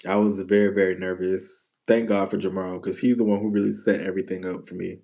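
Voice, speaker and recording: Soft-spoken man in his thirties. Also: low voice, brisk, gravelly. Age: 30s. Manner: relaxed storytelling, laughs easily. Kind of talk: casual chat.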